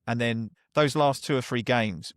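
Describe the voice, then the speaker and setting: A man co-hosting a fan podcast, breaking down the team's form in a measured way with a frustrated edge. He has a middle pitch and is heard on a dry, close mic. He often stumbles and restarts his phrases. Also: no echo. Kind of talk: casual podcast chat.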